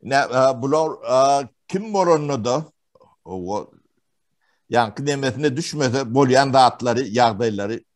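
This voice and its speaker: A man from Turkmenistan giving testimony in an interview, talking haltingly with many pauses and fillers. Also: medium pitch, animated. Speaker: witness interviewee.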